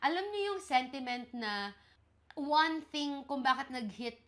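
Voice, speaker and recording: A young woman in her twenties from the Philippines hosting a podcast, reading listener love letters aloud and reacting in an animated, gushing way. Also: high-pitched, measured pace. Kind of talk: casual chat.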